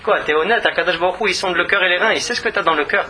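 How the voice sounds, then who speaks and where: A man's voice: high voice, racing, sharp tone. A man giving a religious Torah lesson in an earnest manner, often repeating words as he searches for the next one. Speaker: rabbi teaching Torah.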